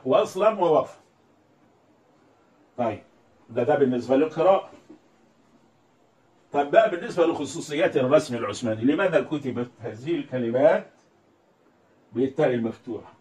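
A man with an Egyptian Arabic accent and a slightly mellow voice on the high side teaches a religious lesson on Quran readings and script. He explains step by step and quotes verses in a recited tone, heard from a distance in an echoey room.

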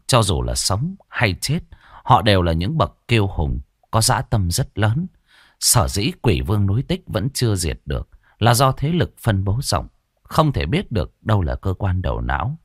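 A man narrating a ghost story with steady storytelling and lively intonation. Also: sits low, no room sound, clean studio sound.

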